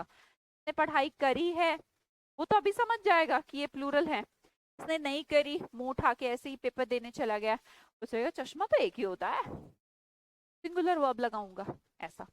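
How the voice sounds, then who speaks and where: Woman, grammar teacher, high voice, dry sound, drills students. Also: unhurried, no room sound, low-quality recording. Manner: scolding, questioning students, emphatic repetition. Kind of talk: online class lecture.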